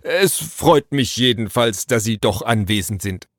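A man voicing a stiff, easily flustered royal messenger in a storybook reading, formal and slow. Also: mid-range voice, lively intonation, no room sound, studio quality, close to an everyday voice. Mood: pompous.

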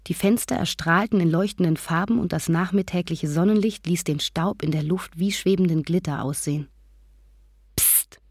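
A woman narrating a first-person story aloud in calm, measured prose. Her voice is lowish and slightly breathy. The recording is dry and close to the mic. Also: no room sound. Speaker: audiobook narrator.

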